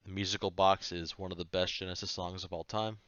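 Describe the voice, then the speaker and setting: Male music reviewer, deep smooth voice, offhand rambling chat, slightly muffled recording. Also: little pitch movement, a little fast, a bit bright, no room sound. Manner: rambling, offhand, swears casually. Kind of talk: casual chat.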